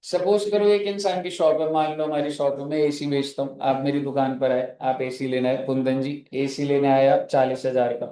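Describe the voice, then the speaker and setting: A man's voice: medium pitch, little pitch movement, moderate pace, few pauses, mellow. A man with an Indian accent lecturing a class, mixing Hindi and English and joking with students. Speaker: teacher. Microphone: phone. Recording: echoey classroom from far off.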